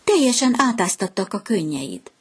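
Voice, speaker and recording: A woman voicing a chatty, fickle young male swallow in a storybook reading, raising her voice higher and fussier than her own. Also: big pitch swings, husky. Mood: curious.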